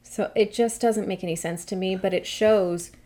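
A woman's voice: medium pitch, fairly even intonation, normal speed, mellow. A woman co-hosting a podcast in casual chat, speaking earnestly and building to impassioned points. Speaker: podcast co-host.

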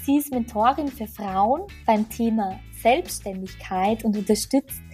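A woman's voice: a little high, unhurried, a little mellow, husky, soft background music. A woman hosting a podcast, opening the episode and interviewing a guest with eager enthusiasm. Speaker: podcast host.

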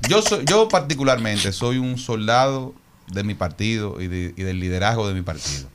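A man's voice: on the low side, animated, moderate pace, slight background noise. A Dominican man, a politician, arguing his points at length and earnestly on a radio talk show. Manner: earnest, speaks in long reasoned points. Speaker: politician guest.

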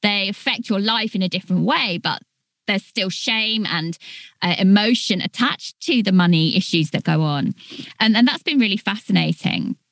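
A woman's voice: mid-range voice, expressive, moderate pace, vocal fry, a bit bright, dry recording. A woman hosting a podcast, thinking aloud in long, winding questions to her guest. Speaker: podcast host. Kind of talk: conversational interview.

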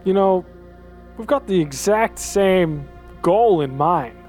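Man as a grim starship captain, defiant, steady, fairly high voice. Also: slow pace, faint music behind.

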